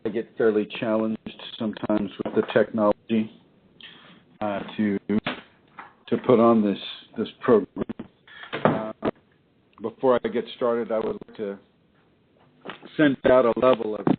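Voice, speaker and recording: A man hosting a casual call-in show from home over an iPad, his voice warbling and wobbling on the line as he talks in halting bursts with many restarts. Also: on the low side, little pitch movement. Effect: wobbly warbling call audio. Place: home, seated in a rocking chair. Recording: tinny phone-like line with faint noise.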